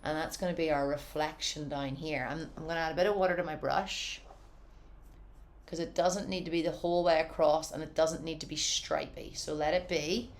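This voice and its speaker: A woman's voice: low voice, steady tone, moderate pace. A woman giving a casual, encouraging painting tutorial from her studio, chatty and often saying "wee". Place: home art studio.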